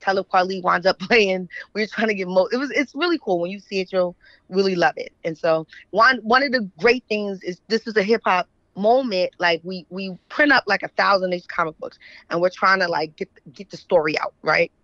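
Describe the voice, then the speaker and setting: A woman from Philadelphia, an author and editor, shares stories casually as an interview guest, conversational and frequently checking in with "right?" Her voice is medium-pitched, fairly quick and a bit bright. The sound has no echo and is lo-fi.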